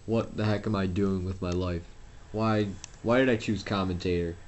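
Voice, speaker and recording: A young man with a low, fairly even voice commentates a wrestling video game at home, speaking at a normal pace over slight background noise. His solo commentary is casual, rambling and self-deprecating, packed with fillers and restarts.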